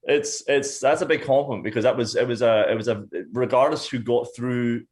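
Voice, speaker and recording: A man's voice: medium pitch, steady tone, darkish tone. A young man from Scotland, a singer, talking casually as a guest, often restarting his sentences and filling with "like". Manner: halting, many restarts and "like". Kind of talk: casual interview.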